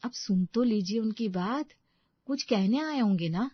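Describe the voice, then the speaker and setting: A meek young daughter-in-law in a cartoon story, played by a woman, soft-spoken and deferential. Her mid-range voice is recorded dry and dull. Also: medium pitch, lively intonation, unhurried, husky, dry recording.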